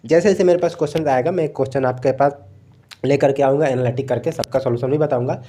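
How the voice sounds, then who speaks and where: A man's voice: medium pitch, fast, a little hiss or hum. A young man, casually going over exam questions as a coaching teacher and often repeating a filler phrase. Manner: relaxed, repeats "thik hai" often, mixes in English words. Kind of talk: casual explanatory lecture.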